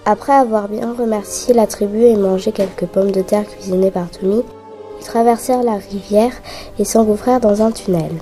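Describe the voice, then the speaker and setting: A woman narrating a children's adventure story aloud in a lively, brisk storytelling manner. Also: mid-range voice, faint music behind.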